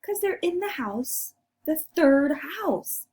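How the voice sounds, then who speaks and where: A woman's voice: sits high, big pitch swings, slow, darkish tone. A woman teacher reading a picture book aloud to children and coaching them to read along. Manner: instructive, coaxing children to join in.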